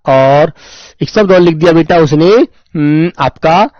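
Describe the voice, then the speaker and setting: A man teaching an online exam-prep Hindi lesson, dictating slowly, repeating words and calling his students "my dear children". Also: on the high side, darkish tone, no echo, dull audio. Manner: slow, drawn-out dictation with many repetitions, addresses students as "my dear children".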